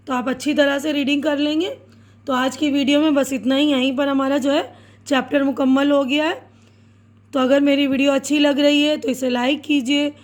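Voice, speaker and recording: A woman teacher calmly walking pupils through writing and reading words, spelling each one out letter by letter and checking in often with short confirmations. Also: high voice. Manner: checks in with "theek hai" often. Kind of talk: step-by-step writing lesson.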